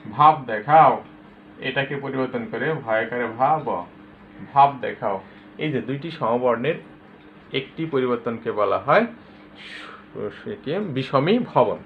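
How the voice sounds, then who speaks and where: A man teaching a grammar lesson to school students, patiently explaining and repeating example words with loud stress. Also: mid-range voice, slight background noise. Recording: tinny lo-fi phone-like recording.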